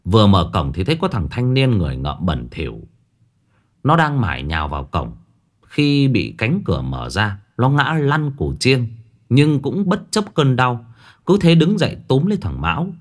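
A man narrating a ghost story in a dramatic, expressive way. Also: medium pitch, normal speed.

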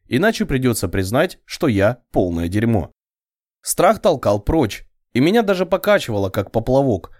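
A man reading a first-person story aloud as a scripted audiobook narration, with an expressive, ironic delivery. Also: medium pitch, no room sound, clean studio sound.

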